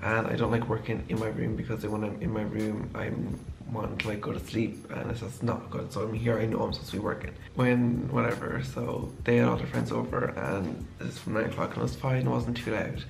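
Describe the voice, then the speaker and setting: Young male student vlogger, gravelly and monotone, tired, rambly storytime. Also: fairly low pitch, brisk, few pauses, slight background noise. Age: young adult. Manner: rambling, heavy use of "like". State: tired from lack of sleep. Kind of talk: casual storytelling vlog. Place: home kitchen, indoors.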